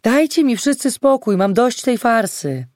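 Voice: medium pitch, expressive, a little slow, warm tone, no room sound, studio quality. An audiobook reader voicing a frightened, angry young woman who snaps back in a raised, exasperated voice.

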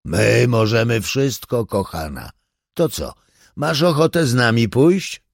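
A man voicing a brutal armed burglar who taunts his victims with slow, threatening words in an audiobook. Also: medium pitch, big pitch swings, no echo, studio quality, exaggerated voice. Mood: menacing. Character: brutal armed male burglar, mocking and cruel.

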